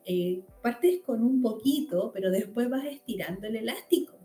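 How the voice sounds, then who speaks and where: A woman's voice: on the high side, expressive, moderate pace, mellow. A woman hosting a casual chat, explaining points animatedly and acting out quotes. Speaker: host. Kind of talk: casual chat about diet. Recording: roomy echo.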